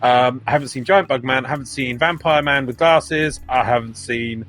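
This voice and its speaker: A man co-hosting a casual anime review podcast, ranting in an animated, exasperated way. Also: mid-range voice, moderate pace. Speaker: podcast co-host.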